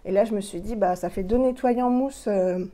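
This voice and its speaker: Casting note: middle-aged woman, mellow tone, a little breathless, chatty home beauty vlogger with a clip-on mic. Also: mid-range voice, moderate pace. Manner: chatty, many fillers and restarts, demonstrating products. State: slightly out of breath. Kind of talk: casual product review. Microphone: plugged-in microphone.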